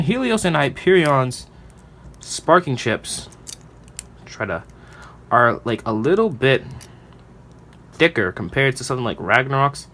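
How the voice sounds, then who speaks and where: A man in the middle of his pitch range chats his way through a toy unboxing, enthusiastic and loose with his fillers. A faint hum of room ambience sits behind his close, casual voice. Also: a bit bright.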